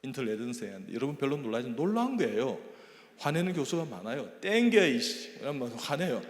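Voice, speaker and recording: A man's voice: mid-range voice, very animated, fast, a little mellow. An older man, a church elder, telling a personal testimony as a sermon and acting out the dialogue in his stories. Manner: storytelling, acting out quoted dialogue, breaks into hymn singing. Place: church sanctuary. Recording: echoey church hall.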